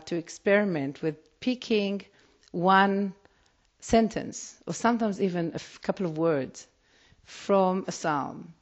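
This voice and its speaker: Heard through a dull lo-fi recording, this Hebrew-speaking rabbi has a voice on the low side and an Israeli accent. She reflects on interview questions as she answers, frequently starting her sentences over.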